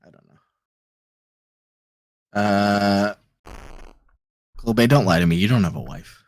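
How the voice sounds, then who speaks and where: A man's voice: lowish voice, takes it slowly, no echo. A man chatting casually with friends on a voice call before a tabletop game, laughing often and swearing casually. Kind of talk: casual group chat.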